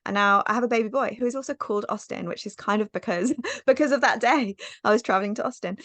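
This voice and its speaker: A woman's voice: on the high side, fast talker, a bit bright, no room sound. A woman in her thirties talks as a podcast guest, telling a personal story in a chatty, rambling way. Her speech is full of "like" and "um." The recording is close and dry, with little room sound. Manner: chatty, lots of "like" and "um". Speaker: podcast guest, business mentor. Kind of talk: casual storytelling interview.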